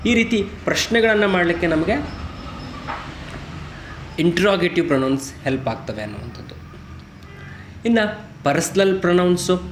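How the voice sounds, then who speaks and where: A man teaching grammar, reading his English example sentences slowly and deliberately. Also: on the high side, reverberant, a little hiss or hum. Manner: slow, deliberate English example sentences between quick Kannada explanations. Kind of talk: explaining grammar in a lesson.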